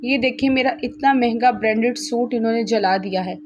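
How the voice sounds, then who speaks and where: A woman's voice: a little high, a little fast, a little hiss or hum, close to an everyday voice. Woman doing a spoiled, scolding young woman. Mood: angry. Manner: sharp, scolding. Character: spoiled rich young woman, bossy and quick to anger.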